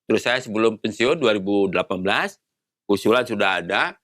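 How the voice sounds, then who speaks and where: A man's voice: fairly low pitch, animated, brisk, fairly bright tone, no room sound, studio quality. A man in his sixties, a retired navy admiral, explaining patiently in a casual interview and posing rhetorical questions. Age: 60s.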